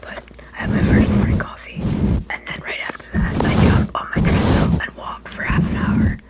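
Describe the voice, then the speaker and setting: A person whispering quickly in an informal ASMR ramble close to the microphone, often repeating and rephrasing phrases. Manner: fast, unvoiced whispering. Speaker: video creator and host.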